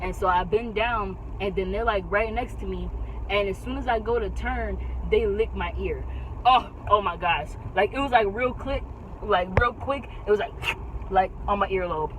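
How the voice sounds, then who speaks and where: A young woman vlogging in a casual chat, animated and slangy, leaning hard on "bro" and "like.". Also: mid-range voice, normal speed, background noise.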